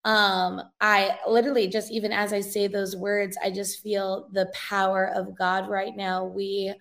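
A woman with a raspy voice that is nearly gone, speaking earnestly and emphatically as an interview guest giving testimony. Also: medium pitch, little pitch movement, a little slow, a bit bright. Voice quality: hoarse, raspy voice. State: hoarse, losing voice. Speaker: guest, missionary and revivalist. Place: inside an old rented house, remote guest.

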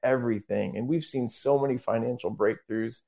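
A man's voice: medium pitch, normal speed, vocal fry, warm tone. A man speaking as a guest minister in a casual interview, earnest and rambling, often restarting his sentences.

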